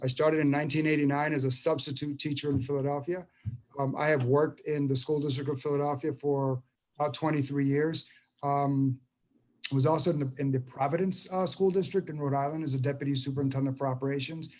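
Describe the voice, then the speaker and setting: A school superintendent in his fifties addresses a public meeting over video call, halting often with repeated words and restarts. His voice is a little high and a little mellow with a steady tone, though the audio quality is poor.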